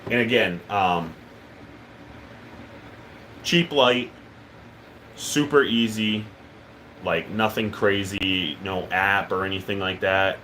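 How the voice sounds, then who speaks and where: A man's voice: on the low side, slow pace, pauses often, slight background noise. A man hosting a live stream, talking casually and rambling with lots of ums as he reads chat. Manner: relaxed, rambling, many ums and uhs. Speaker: livestream host.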